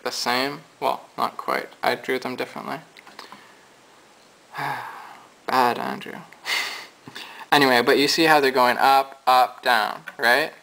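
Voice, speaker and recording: Bright-voiced man teaching at the piano. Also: medium pitch, vocal fry, rough recording. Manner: loose and chatty, explaining at the keyboard. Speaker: music teacher. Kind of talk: casual piano lesson. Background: piano notes.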